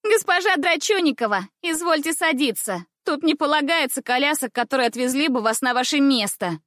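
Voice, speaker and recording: A high, shrill young schoolgirl who mocks and teases loudly, full of reckless mischief, as a woman reads her. The voice jumps far above the reader's usual tone and comes through close and dry. This is storybook narration, not a live scene. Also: lively intonation, fairly quick, no echo. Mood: mocking. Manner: shrill, taunting. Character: mischievous daring young schoolgirl, loud and mocking.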